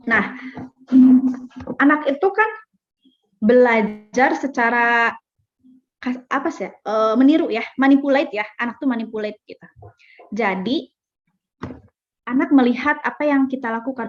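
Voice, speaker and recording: Chatty woman, lo-fi. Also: fairly high pitch. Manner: chatty, uses fillers and acts out child and parent voices. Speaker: parenting speaker. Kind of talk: casual talk. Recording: dull lo-fi recording.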